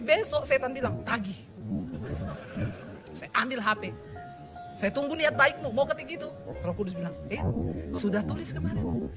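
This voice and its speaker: Lady pastor preaching, high voice, super lively storytelling, music playing under her. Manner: animated storytelling, mimics quoted voices, exclaims and laughs. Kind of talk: sermon with personal testimony.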